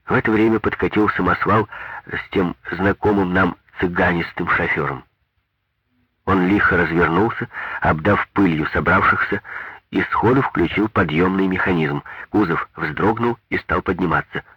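A man narrating a story in a measured audiobook reading, in a dull, dry, lo-fi recording. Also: deep voice, husky, no room sound.

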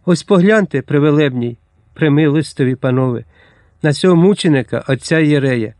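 A man's voice: a little high, moderate pace, a little mellow, dry recording, clean studio sound, natural voice. A man playing a solemn old preaching abbot.

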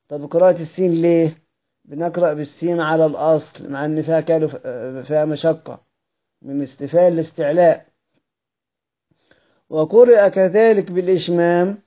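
A man's voice: fairly high pitch, warm tone. A man with an Egyptian accent giving a study-circle lecture on Quran readings. He asks himself questions, answers them, and repeats the key phrases. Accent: Egyptian Arabic.

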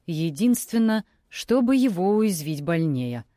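Low-voiced woman reading a novel aloud. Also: big pitch swings, unhurried, dark tone, no room sound, clean studio sound. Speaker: audiobook narrator. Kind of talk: scripted narration.

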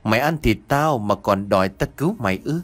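A man's voice: lowish voice, expressive, brisk. A man doing a taunting bloody ghost stepfather. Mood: menacing. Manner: taunting, menacing.

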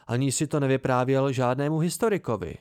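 A man's voice: medium pitch, a little mellow, smooth, close to an everyday voice. A man voicing a curious, prickly scribe in an amateur audiobook, terse and testy.

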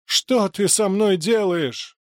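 A man voicing an overworked village mother who complains bitterly and shouts in panic at her children. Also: slow pace, dry recording, clean studio sound. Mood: frantic shouting. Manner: shrill, self-pitying, shouting. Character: harried overworked village mother, shrill and frantic.

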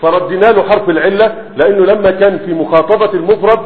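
A man with an Egyptian Arabic accent teaches a grammar lesson, his high voice moving quickly. He explains step by step and often checks that his students are following. The recording is tinny, with the echo of a hall.

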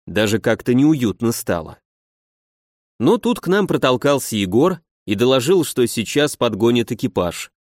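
A man reading a first-person audiobook in an even, wry storytelling voice. His delivery stays conversational and steady. The recording is dry and close, with no room sound. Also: mid-range voice, moderate pace, dry recording. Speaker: audiobook reader.

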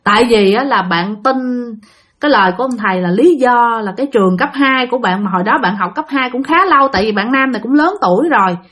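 A woman's voice: a little high, expressive, quick pace, a bit bright. Chatty woman telling ghost stories. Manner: chatty, addresses listeners directly. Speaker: storyteller. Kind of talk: casual ghost story narration.

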